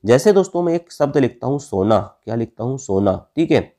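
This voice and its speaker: A man's voice: medium pitch, animated, fairly quick, warm tone. A man teaching grammar for an exam, asking his students questions and answering them himself, repeating the key terms. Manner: asks the class questions and answers them himself, addressing "friends". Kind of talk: exam-prep lesson.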